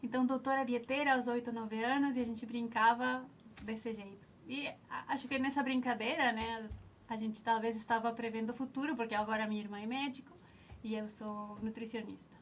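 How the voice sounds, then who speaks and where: A woman in her forties from Ecuador speaks with a fairly high, fairly even voice at a quick pace, with a little hiss or hum in the background. A native Spanish speaker with an Ecuadorian accent, she is a nutritionist and alumna appearing as an interview guest. She reminisces reflectively about her story and often restarts as she hunts for words.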